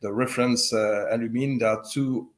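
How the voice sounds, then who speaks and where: A loudspeaker company owner with a French accent, answering interview questions haltingly with many fillers and restarts. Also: male voice, medium pitch, fairly even intonation. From French-speaking Switzerland.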